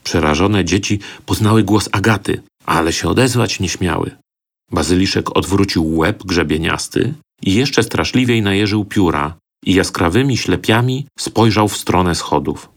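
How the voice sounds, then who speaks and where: A man narrating a folk tale for an audiobook in a measured, solemn storytelling manner. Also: sits low.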